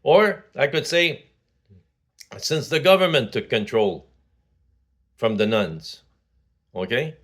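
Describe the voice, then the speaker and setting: A man's voice: medium pitch, big pitch swings, slow, pauses often, fairly bright tone. Man, sixties, from Quebec, casual vlog monologue, rambling, full of fillers and restarts. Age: 60s. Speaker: vlogger.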